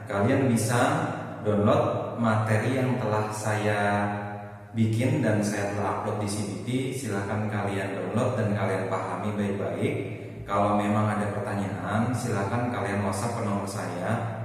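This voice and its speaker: A man's voice: fairly low pitch, darkish tone. A male teacher explaining math step by step, in a patient sing-song way. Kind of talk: math lesson. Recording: echoey room from far off.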